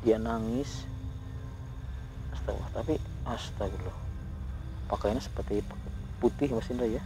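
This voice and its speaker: A man hosting a ghost-hunting video, talking in a hushed voice outdoors at night, often murmuring prayers and speaking to his companion. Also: on the low side, normal speed, music in the background. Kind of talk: hushed on-the-spot narration. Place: outdoors at night near a ravine.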